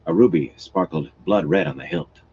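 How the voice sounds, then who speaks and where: A man reading a fantasy novel aloud in a steady, expressive storytelling manner. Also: deep voice, normal speed, dull audio, a little hiss or hum. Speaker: audiobook reader.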